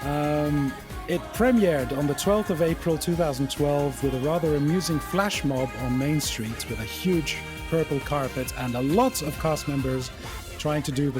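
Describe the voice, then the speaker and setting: A man hosting a podcast in a casual chat, easygoing, laughing along and pausing on fillers. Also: a little high. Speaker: podcast host.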